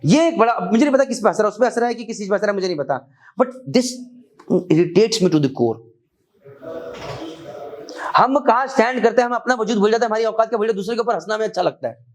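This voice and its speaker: Stern high-voiced man lecturing. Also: expressive, fast, long pauses. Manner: stern, scolding, mixes Hindi and English. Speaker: academy head addressing students. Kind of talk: motivational classroom lecture.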